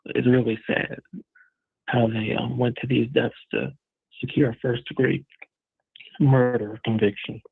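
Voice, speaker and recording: Muffled phone caller, husky man. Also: medium pitch, little pitch movement, unhurried, pauses often, no room sound. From Virginia, USA. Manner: hesitant, many ums and restarts. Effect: muffled Bluetooth phone line. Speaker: caller to a live show. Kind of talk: call-in commentary. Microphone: Bluetooth headset on a phone call. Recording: muffled tinny phone line.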